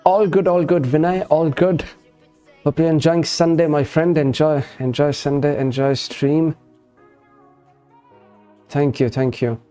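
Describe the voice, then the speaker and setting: Soft background music accompanies a male live streamer who greets his viewers in a relaxed gaming chat from his indoor setup. His fairly high voice stays steady and mellow at a measured pace, broken often by pauses. He's friendly and keeps repeating short phrases.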